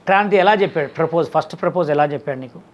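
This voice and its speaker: A man hosting a casual interview, coaxing and directing his guest with brisk prompts. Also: on the high side, muffled recording. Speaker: interviewer host.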